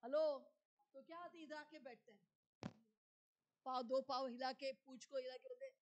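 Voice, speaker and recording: A woman's voice: high-pitched, steady tone, normal speed, darkish tone. A woman from India preaching a sermon, asking questions and answering them herself.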